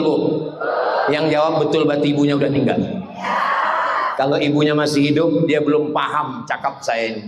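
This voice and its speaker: A man preaching an Islamic sermon to a live audience, animated, with wide pitch swings and humorous acted-out scenes. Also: a little hiss or hum. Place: large hall at a religious gathering. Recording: echoey hall with faint ambience.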